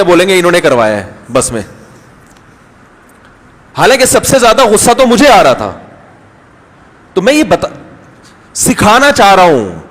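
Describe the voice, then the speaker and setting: A man's voice: sits high, a bit bright. Guy preacher chatting through stories, acts out the other people, lots of hall reverb. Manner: conversational, anecdotal, acts out voices in stories. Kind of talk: storytelling religious talk.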